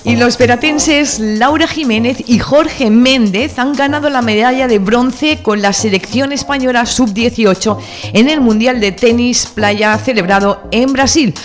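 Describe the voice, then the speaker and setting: A woman hosting a local radio show, reading the news in a brisk newsreader style and chatting with her co-host. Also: on the high side. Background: music bed.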